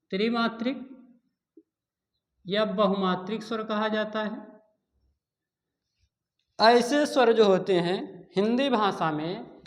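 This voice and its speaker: A man teaching a grammar lesson to exam students, repeating key terms slowly and asking and answering his own questions. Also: sits high. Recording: echoey room.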